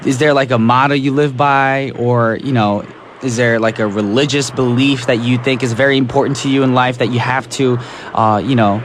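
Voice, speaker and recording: On an upbeat radio call-in program, the host chats enthusiastically, repeatedly saying "awesome" and "alrighty." His voice is mid-range and steady at a normal speed. He uses a studio microphone, with noise in the background.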